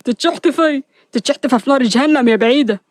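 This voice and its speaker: A woman's voice: high voice, fast talker, no echo, clean studio sound, close to an everyday voice. A woman voicing a grumpy middle-aged uncle who grumbles curses and scolds his niece. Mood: exasperated.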